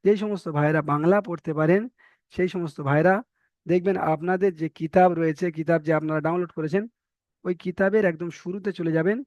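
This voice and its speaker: A male Quran teacher in an online lesson, patiently explaining pronunciation and repeating each sound slowly. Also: sits high, steady tone, a little mellow, no room sound, muffled recording.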